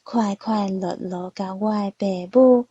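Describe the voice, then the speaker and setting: A woman's voice: mid-range voice, a little slow, warm tone, slightly rough, dry recording, muffled recording. A woman voicing an outspoken young male leopard cat in a storybook tale, earnest and pleading. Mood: earnest speech. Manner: earnest, pleading, speech-making.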